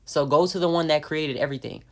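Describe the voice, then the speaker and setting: A woman's voice: low voice, fast. Earnest woman giving a devotional talk. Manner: earnest and urging, repeats phrases, with frequent restarts. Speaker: faith vlogger. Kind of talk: informal spoken devotional message.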